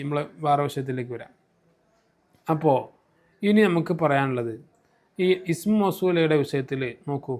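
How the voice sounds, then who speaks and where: Man explaining grammar step by step. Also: on the high side. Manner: explains step by step, slowing down to spell out Arabic terms. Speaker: Arabic grammar tutor. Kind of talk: recorded lesson explanation.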